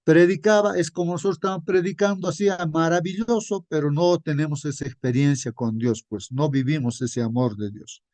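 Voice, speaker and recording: A man with a fairly high voice delivers a relaxed, story-driven sermon as a Sabbath school teacher. He keeps checking in with his listeners through short tag questions and calls them brothers. The recording is dry and close, with no room echo. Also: fairly quick, hardly any pauses. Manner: conversational, adds frequent tag questions.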